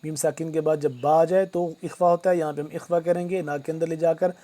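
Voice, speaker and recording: A man teaching Quran recitation word by word, switching between slow, drawn-out recitation and quick explanations. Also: fairly high pitch, flat delivery, warm tone.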